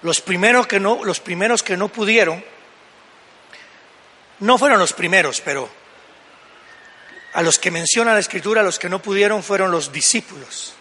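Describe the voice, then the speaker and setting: A man's voice: sits high, moderate pace, pauses often, pushed and bright, in a large hall. An older man preaching a sermon as pastor, fervently acting out the voices he quotes. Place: church.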